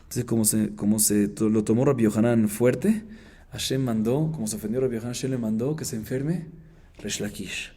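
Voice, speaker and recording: Mellow-voiced rabbi teaching Talmud. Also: male voice, mid-range voice, fairly quick, husky. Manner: animated storyteller, asks students rhetorical questions; repeats phrases for emphasis. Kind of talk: Talmud class, reading Aramaic and explaining.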